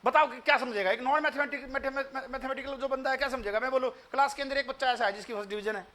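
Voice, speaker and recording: Quick-paced and steady in tone, this Indian math teacher's voice is unusually high, bright and forceful as he explains a statement step by step in an online demo lecture. Mixing Hindi with English, he repeats himself and keeps firing questions at the class.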